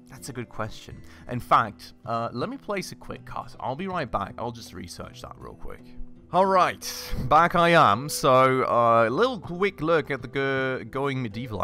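A man hosting a let's-play, thinking aloud with many fillers and self-corrections, his voice slightly husky from a recent illness. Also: medium pitch, bright, forceful tone. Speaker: gaming channel host. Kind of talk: casual let's-play commentary.

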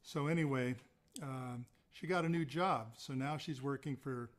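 A man's voice: medium pitch, unhurried. A man chatting at an online open mic, telling a rambling story full of asides before his song, over a video call. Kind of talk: casual chat on a video call.

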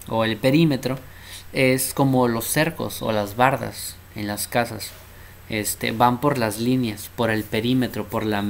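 A man teaches a math lesson in a relaxed, informal way. He keeps checking in with his listeners and repeats words as he explains. A faint hiss runs under his mid-pitched voice.

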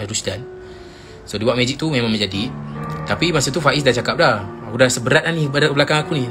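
Seorang pria muda beraksen Melayu Malaysia menceritakan kisah secara santai lewat siaran langsung dari ponsel, menirukan teriakan teman-temannya dengan hidup. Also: mid-range voice. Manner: animated, acts out friends' shouts in quoted lines. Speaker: Instagram live host. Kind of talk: casual storytelling on a live stream. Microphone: phone.

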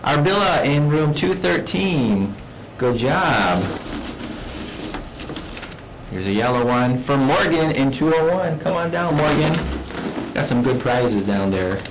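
A man's voice: mid-range voice, animated, slow, long pauses. Upbeat man reading school announcements. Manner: upbeat, stumbling over words. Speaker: school administrator. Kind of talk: morning announcements. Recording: noisy school studio.

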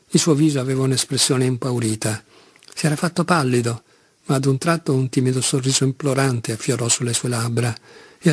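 A man reading a classic novel aloud as an audiobook narrator, in a measured, even storytelling manner. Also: fairly high pitch, breathy edge, dry recording. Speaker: audiobook reader.

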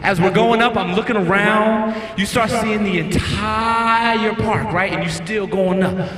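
A man telling a funny story on stage, animated, acting out screams and voices. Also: sits high, measured pace, faint music behind. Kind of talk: stand-up storytelling. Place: large church hall. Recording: echoey church hall, faint ambience.

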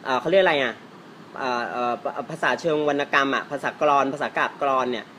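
A man teaching English pronunciation in a casual, playful way, teasing his viewers and stretching out example words slowly. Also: medium pitch, sharp tone, slight background noise.

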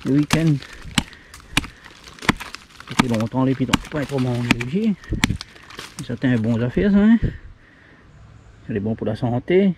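A middle-aged man with a Réunionese French accent, casually narrating as he digs larvae from rotten wood in a forest, then fries them at home, explaining in a plain, halting way. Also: medium pitch, expressive, darkish tone, a little hiss or hum. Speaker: outdoor video host. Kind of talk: casual narration while foraging and cooking.

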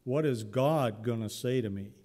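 A male pastor preaches a sermon in a church sanctuary, telling Bible stories in a conversational, humorous way and acting out the voices. His medium-pitched voice is dark and moves at a moderate pace. Long church reverb fills the recording.

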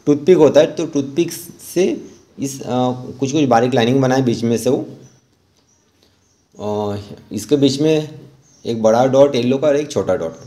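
An Indian rangoli art instructor with a warm, mid-range voice narrates an informal step-by-step tutorial voice-over, halting and repeating himself as he explains.

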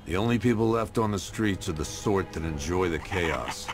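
A man narrating a game trailer in a grave, measured way. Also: deep voice, lightly acted. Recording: music behind, from a game.

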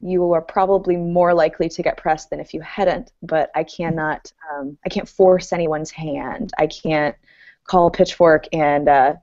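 A woman's voice: sits low, fairly even intonation, a little slow, darkish tone. A woman who works as a music publicist, explaining her job in a casual podcast chat, thoughtful and detailed. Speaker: music publicist and record label owner. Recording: muffled lo-fi sound.

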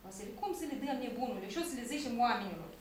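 A woman's voice: on the high side, lively intonation, slight background noise, natural voice. A woman reading as an old grumbling shepherd. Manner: grumbling, folksy, coaching. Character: old male shepherd, weary then playful. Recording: echoey room from a distance.

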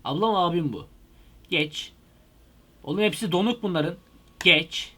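A young man hosting a comedy video from his computer, talking animatedly into a headset mic and shouting in mock fright. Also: high voice, unhurried. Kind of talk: excitable comedic vlog. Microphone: headset microphone.

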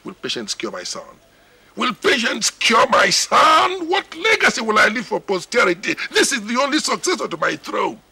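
A man's voice: a little high, very animated, slow pace, creaky, exaggerated voice. An actor with a Nigerian accent playing a proud village king who despairs and pleads over his sick son. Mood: anguished. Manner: anguished, pleading, breaking into shouts.

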